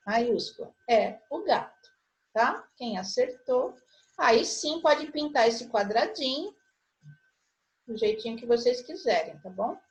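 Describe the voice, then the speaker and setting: A middle-aged woman with a Brazilian Portuguese accent, teaching an online lesson for children and patiently spelling out syllables and clues step by step. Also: high voice. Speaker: primary school teacher.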